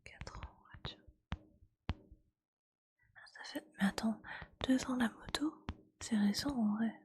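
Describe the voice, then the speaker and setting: In a breathy ASMR whisper, a woman chats casually with viewers like a streamer, teasing them gently. Her pitch is fairly high and she speaks a little slowly.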